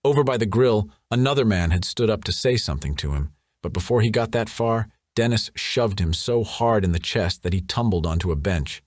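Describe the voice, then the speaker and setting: A man reading a thriller audiobook in a measured, even scripted narration. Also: on the low side, dry recording, clean studio sound.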